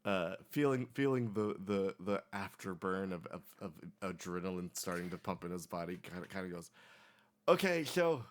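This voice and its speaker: A man's voice: deep voice, fairly even intonation, moderate pace, few pauses. A man running a tabletop game, narrating casually and hesitantly as he searches for words. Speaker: game master.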